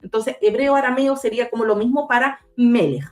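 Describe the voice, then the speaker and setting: A woman's voice: a little high, brisk, soft background music. A woman guest on a video call, patiently explaining and spelling out letters one by one like a teacher. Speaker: guest researcher. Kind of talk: explanatory talk with slides.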